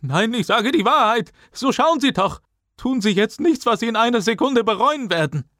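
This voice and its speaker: A man voicing a timid, trembling male teacher who pleads in a high squeaky voice. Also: sing-song, a little slow, no room sound, clean studio sound, full character voice. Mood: pleading.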